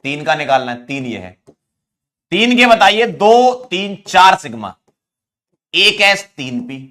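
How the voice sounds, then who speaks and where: A man's voice: sits high, big pitch swings, slow pace, bright, forceful tone. A man from India teaching chemistry in a live online class, playful and teasing, counting aloud as he explains.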